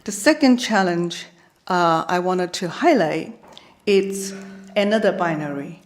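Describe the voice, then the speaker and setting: Hesitant and prone to stammering restarts, a Hong Kong academic delivers panel remarks in a conference hall. She speaks a little slowly, in a fairly low, expressive voice.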